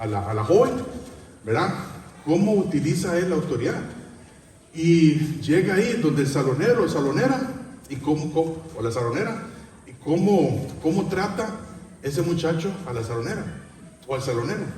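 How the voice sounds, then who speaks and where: A male pastor preaching a sermon, halting, full of fillers and repeated tag questions. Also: on the high side, a little mellow, slight background noise. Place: church hall. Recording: echoey church hall from far off.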